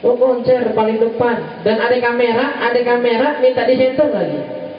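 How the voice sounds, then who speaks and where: A man's voice: very high voice, moderate pace, a little hiss or hum. A man giving a sermon at a religious gathering, teasing in casual slang and mimicking voices. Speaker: preacher. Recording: distant, roomy, dull lo-fi recording.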